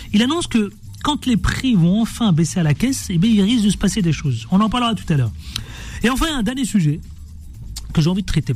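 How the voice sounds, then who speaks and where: A male radio host with a high voice that swings up and down a lot. He talks playfully and with plenty of energy, moving fast from one topic to the next. Faint music plays behind him in the studio. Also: husky. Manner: animated, playful, jumps between topics. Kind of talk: lively radio show chat.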